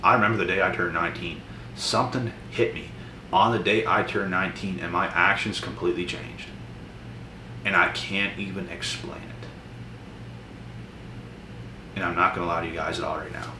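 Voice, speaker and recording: Young male motivational vlogger, very low voice, blunt and preachy, distant echoey room with noise. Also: fairly even intonation, moderate pace, pauses often. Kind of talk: motivational monologue to camera.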